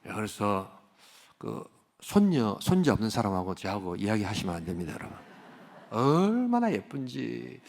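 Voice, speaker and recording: Older man preaching, gravelly and lively. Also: on the low side, normal speed. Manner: animated storytelling, dropping to a whisper for emphasis. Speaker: pastor. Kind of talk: sermon.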